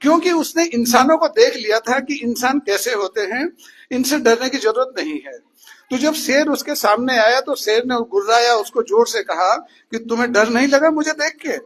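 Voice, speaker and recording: High, husky man telling a children's story. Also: lively intonation, moderate pace, a bit bright. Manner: asks questions to the listeners.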